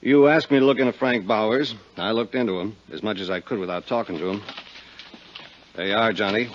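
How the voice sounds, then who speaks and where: An American man plays a breezy, folksy private eye full of slang in a 1950s radio drama, delivering his lines in a matter-of-fact way. His natural voice sits on the low side and moves a little fast. The recording is muffled, like vintage radio.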